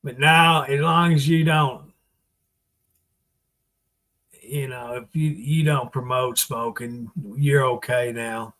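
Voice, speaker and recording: Slow-drawling Southern man, folksy live host. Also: mid-range voice, steady tone, fairly bright tone. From Arkansas, United States. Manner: folksy, teasing. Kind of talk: casual live chat, greeting viewers.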